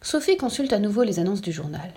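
A woman's voice: mid-range voice, fast. Woman reading a children's story. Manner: clear, steady narration.

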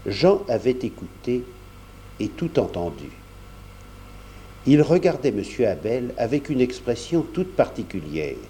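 A man reading a classic novel aloud in a measured, even storybook narration. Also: mid-range voice, slight background noise.

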